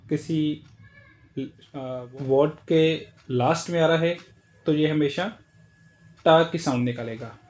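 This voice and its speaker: A man with a fairly high but darkish voice teaches German pronunciation in Hindi. He works through it one letter at a time and says every example word several times over.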